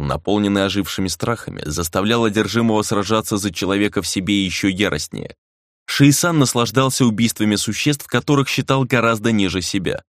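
A man reading a dark fantasy novel aloud as an audiobook narrator, measured and dramatic, slowing down for emphasis. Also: lowish voice, dry recording, studio quality.

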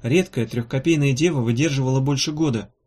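A man reading an audiobook voices a fussy, practical female valkyrie healer with a brisk, blunt manner. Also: mid-range voice, a little mellow, natural voice. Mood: matter-of-fact. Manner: brisk, blunt, a little embarrassed.

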